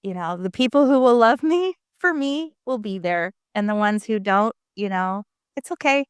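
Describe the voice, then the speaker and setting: A woman guest in an interview, sharing her personal story in a candid, animated, emphatic way with frequent conversational fillers. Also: normal speed, clear, resonant tone, no echo, clean studio sound. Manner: animated and emphatic, with big pitch swings.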